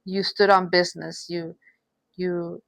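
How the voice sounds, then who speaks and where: A woman's voice: lowish voice, little pitch movement, measured pace, gravelly, a bit bright, dry recording. Somber, hesitant woman giving a tarot reading. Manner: hesitant, repeats phrases, many restarts; sighs often. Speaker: tarot reader.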